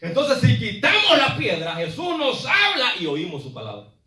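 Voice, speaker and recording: A man pastor preaching a sermon, swinging between loud cries and low asides and often calling the congregation brother. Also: huge pitch swings, moderate pace, distant mic. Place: church sanctuary. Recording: echoey church hall, preacher off the mic.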